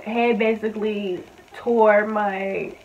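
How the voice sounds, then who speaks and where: A woman's voice: medium pitch, level tone, slow pace, phone-quality sound, very noisy. A young woman vlogger casually telling a personal story, talking in a loose, chatty way full of "like" and fillers. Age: young adult. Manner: chatty, filler-heavy, says "like" often.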